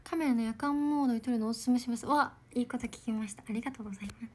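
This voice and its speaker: A woman's voice: on the high side, racing. Giggly young woman chatting on a livestream. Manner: bubbly, giggly, soft-spoken. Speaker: idol livestreamer. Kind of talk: casual livestream chat reading comments.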